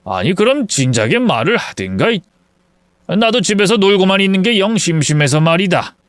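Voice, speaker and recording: A mild older father-in-law, as a man plays him, gentle and a little sheepish, brushing things off. His voice is smooth and fairly high. It is recorded close and dry. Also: sing-song, moderate pace, no room sound. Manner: gentle, mumbling excuses.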